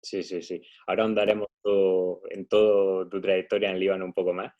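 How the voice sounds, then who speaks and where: A man's voice: deep voice, level tone, fairly quick, dark tone, dull audio. A man hosting an interview, asking questions conversationally with frequent restarts. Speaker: interviewer, podcast host.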